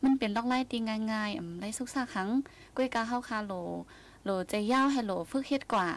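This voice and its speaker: A woman hosting a casual radio talk show, speaking briskly and addressing listeners. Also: a little high. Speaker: radio host.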